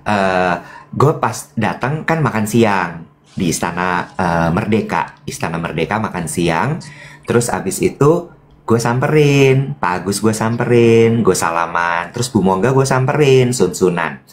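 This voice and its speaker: Seorang pria mengobrol santai dan bergosip sebagai pembawa acara, bercerita dengan hidup dan menirukan orang dengan suara melengking. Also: male voice, a little slow, slight background noise. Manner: animated storytelling, shrill voices for quoted people. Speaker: co-host. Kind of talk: casual gossipy chat.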